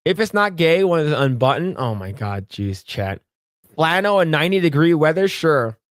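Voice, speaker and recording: A man's voice: on the high side, moderate pace, no room sound, clean studio sound. A man hosting a casual solo livestream, swearing freely as he riffs on movies and answers his chat. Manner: animated, profane, riffing on movies and answering chat. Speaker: livestream host.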